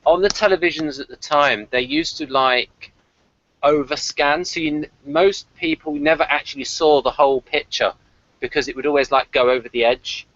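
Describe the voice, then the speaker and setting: The podcast host, a man discussing a TV series, speaks at normal speed in a fairly high, fairly bright voice. It's a casual review conversation with notes read aloud, captured in dull, slightly lo-fi audio.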